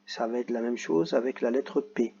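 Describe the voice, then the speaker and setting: A man's voice: medium pitch, normal speed, creaky, warm tone, breathy edge, muffled recording, faint music behind. A man teaching children a reading lesson, patiently spelling out sounds and letters.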